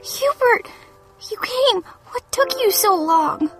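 A feverish little girl speaks in a thin, very high, creaky voice, slow and drawn out, as a man puts her on. She sounds weak but teasing in this storybook reading. Soft music runs beneath her. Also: animated, exaggerated voice. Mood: glad.

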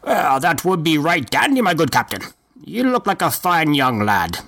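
A folksy old man who talks in an unhurried drawl, voiced by a male storyteller. He is chatty and nosy, and his pitch sits well above the narrator's own while swinging up and down as he talks. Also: very animated, creaky, fairly bright tone, exaggerated voice. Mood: jovial. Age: older. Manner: slow, drawling, folksy old-timer speech.

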